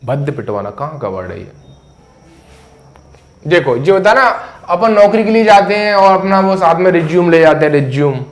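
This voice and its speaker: A fairly high-voiced man gives a casual English lesson. He chats and jokes with his class and says each word over and over so it sticks. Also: expressive, moderate pace. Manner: chatty, jokey, repeats key words to drill them. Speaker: English teacher.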